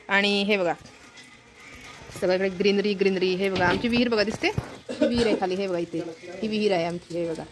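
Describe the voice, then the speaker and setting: A woman narrates a home vlog from a phone, chatty and direct with her viewers. Her voice sits a touch high. She sounds worn out, with a headache she keeps mentioning. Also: fairly bright tone. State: tired with a headache. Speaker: vlogger. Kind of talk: casual family vlog narration. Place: village home during monsoon rain.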